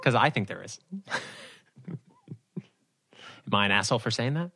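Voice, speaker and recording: A man's voice: mid-range voice, animated, slow, sharp tone. A man co-hosting a casual podcast chat over a video call, rambling and poking fun at himself. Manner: rambling, self-deprecating storyteller. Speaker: podcast co-host.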